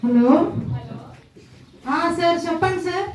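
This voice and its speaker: A woman's voice: very high-pitched, lively intonation, takes it slowly, over music, heavily acted. A woman playing a polite, apologetic young office worker in an amateur church skit. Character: young female office worker, torn between church and promotion. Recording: echoey, distant.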